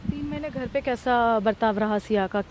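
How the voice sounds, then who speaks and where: A woman's voice: a little high, moderate pace, darkish tone, slight background noise. A woman TV news reporter asking probing questions in an earnest manner, with small hesitations.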